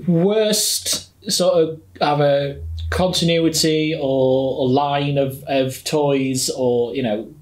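A man's voice: a little high, steady tone, takes it slowly. A man co-hosting a podcast, bantering casually with friends in a jokey, self-deprecating, rambling way. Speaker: podcast co-host. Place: picnic table with friends. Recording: echoey, reverberant room.

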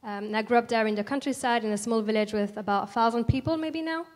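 A native French-speaking woman in her thirties from Alsace, France, speaks with a French accent as an artist guest in an on-stage interview at a museum's large indoor event space. Her voice is fairly high and she talks fast, yet gently and reflectively, into a handheld mic, with long hall reverb around her.

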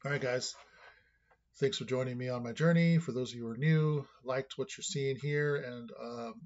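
A man's voice: mid-range voice, normal speed, darkish tone, highs cut off. A man hosting a music reaction video, talking to his viewers in a casual, enthusiastic and rambling way.

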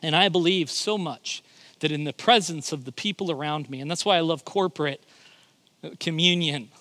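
A man's voice: on the high side, normal speed, a bit bright, no room sound. A male pastor preaching a sermon, emphatic and often repeating his words as he begins a thought.

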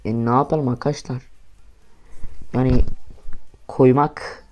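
A young man commentating his own mobile football match, swearing often, shouting at goals and muttering in between. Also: medium pitch, fairly even intonation, a little slow. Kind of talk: casual gaming commentary.

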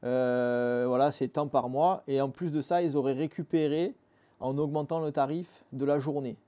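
A man's voice: medium pitch, fairly even intonation, moderate pace, dark tone. Earnest man founder, darkish tone. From Marseille, France. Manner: earnest, explains step by step with fillers. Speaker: app founder, guest. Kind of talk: casual interview. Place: dim motorcycle workshop studio.

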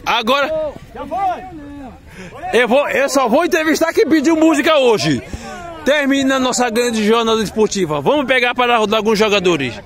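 A man giving rapid play-by-play commentary on an amateur football match at night, shouting out the goals. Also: very high voice, lively intonation, crowd noise. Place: outdoor floodlit football pitch at night. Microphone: handheld phone camera.

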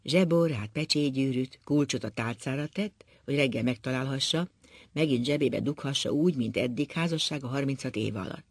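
Gravelly, husky male audiobook narrator. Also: mid-range voice, no room sound.

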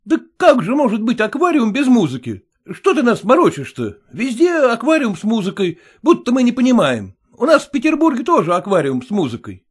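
A man reading an audiobook, voicing a hot-tempered middle-aged husband who scolds loudly and blusters at a servant. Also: extremely high pitch, huge pitch swings, fairly quick, hardly any pauses, breathy edge, voice pushed up, full character voice. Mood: angry.

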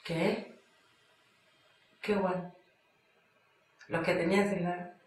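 A woman's voice: lowish voice, fairly even intonation, slow, reverberant, recorded from a distance, rough recording. An actress with an Argentine Spanish accent playing an abandoned woman who pleads with her former lover over the phone, answering a caller no one else hears. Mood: hushed, pleading. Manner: speaks to an unheard caller, breaks into screams and sobs. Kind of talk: stage monologue on the phone.

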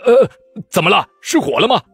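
A man's voice: mid-range voice, wildly swooping pitch, a little fast, breathy edge, no room sound, pitched above the performer's own voice. A man voicing a lazy, joking young general who turns startled and sheepish. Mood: alarmed.

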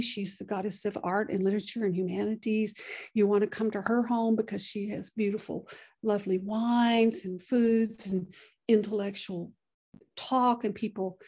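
A woman giving a lecture, often pausing and restarting her sentences. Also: medium pitch, dark tone. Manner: halting, many restarts and fillers. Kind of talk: lecture presentation.

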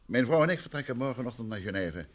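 In an old Dutch radio play, an actor portrays a composed gentleman detective who probes with polite, measured, formal questions. His mid-range voice is animated but only lightly acted, and his mood is courteous yet firm.

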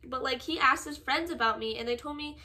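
A young woman in casual chat, reading messages aloud and giving advice in a halting, informal way. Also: sits high, pushed and bright. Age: young adult. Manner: halting, informal, filler-heavy. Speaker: co-host reading viewer confessions and giving advice. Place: small room at home, indoors.

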